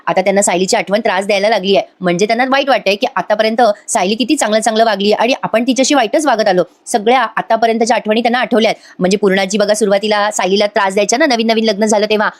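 A woman recapping a TV serial episode in a chatty, casual way, talking straight to viewers with asides. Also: mid-range voice.

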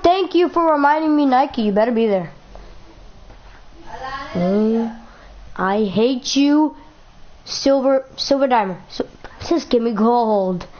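A woman's voice: a little high, expressive, takes it slowly, pauses often, dull audio. A young woman talking casually over her basketball video game, chatting in a playful way and often repeating herself. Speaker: gaming YouTuber. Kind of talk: casual gameplay commentary.

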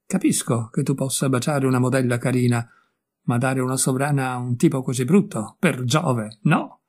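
A man's voice: medium pitch, normal speed, a little mellow, husky, lightly acted. A man voicing a witty, worldly young male painter in an audiobook, speaking in a breezy, teasing way. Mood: amused. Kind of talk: audiobook character voice.

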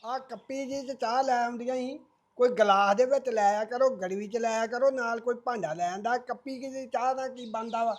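A man's voice: very high-pitched, normal speed. A man playing an old-fashioned uncle who grumbles and complains. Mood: grumbling.

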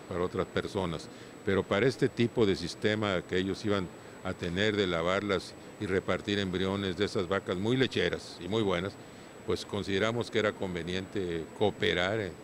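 An older Mexican man in his seventies answering interview questions as a cattle breeder, often checking in with short tag questions, on a handheld microphone. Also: low-pitched. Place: large indoor livestock exhibition hall. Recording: noisy livestock show hall.

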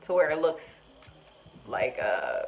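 Animated woman telling a storytime tale. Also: a bass voice, slow, phone-quality sound, faint music behind. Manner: animated, acts out both sides with voices. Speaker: storytime vlogger. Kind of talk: casual storytelling.

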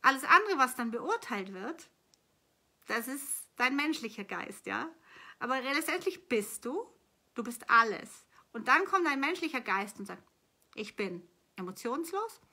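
A middle-aged woman who works as a manifestation coach speaks in a high, expressive voice, a little slowly, with a bright, forceful tone. Her spiritual coaching talk is earnest and flowing. She answers viewer questions and repeats phrases for emphasis.

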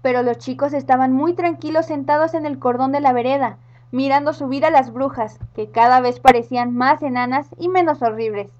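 A woman with a Rioplatense Spanish accent reads a children's story aloud in a high, bright-toned voice, acting out each character. The recording sounds dull and lo-fi. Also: a little fast. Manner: lively, acts out the characters.

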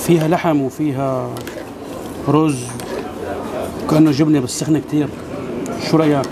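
A man's voice: on the high side, steady tone, normal speed. A young man talking while chewing, chatting casually as he tastes food on a food vlog. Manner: chatty, teasing, tasting food on camera. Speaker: food vlogger. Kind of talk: casual food-review chat. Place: street eatery. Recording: noisy street-food ambience.

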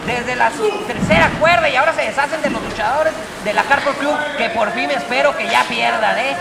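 A man with a Mexican accent giving colloquial, opinionated colour commentary on wrestling with animated asides. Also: very high voice, fairly quick, vocal fry. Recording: loud crowd and venue noise.

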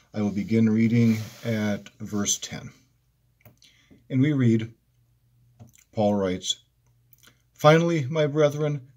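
A man's voice: lowish voice, dark tone. A man giving a devotional sermon, reading scripture and repeating key phrases in an earnest, emphatic way. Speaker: minister.

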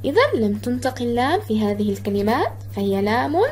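A woman with a high voice leads a recorded lesson for children. She talks straight to the pupil with steady encouragement and draws each example word out slowly, syllable by syllable, so the sounds come through clearly. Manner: slow, carefully drawn-out syllables when modelling words; encouraging, addresses the pupil directly. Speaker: teacher.

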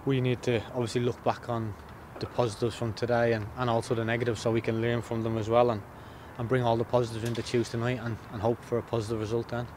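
A footballer in his thirties speaks plainly in a post-match interview outside by the pitch, repeating words as he thinks. His tone stays level and his pace is quick with few pauses, over a noisy background.

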